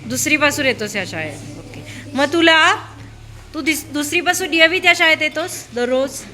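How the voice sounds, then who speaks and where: High bright woman coaxing schoolkids. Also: expressive, moderate pace. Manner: prodding, coaxing with repeated questions. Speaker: interviewer questioning schoolchildren. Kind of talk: casual questioning of a class.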